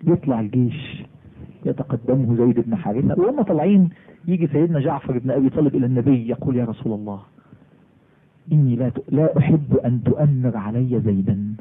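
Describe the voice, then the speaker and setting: A man with an Egyptian Arabic accent telling a sermon story, lively and acting out the dialogue. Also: quick pace, breathy edge. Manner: animated, acts out dialogue in lowered voice. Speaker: preacher. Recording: phone-like recording.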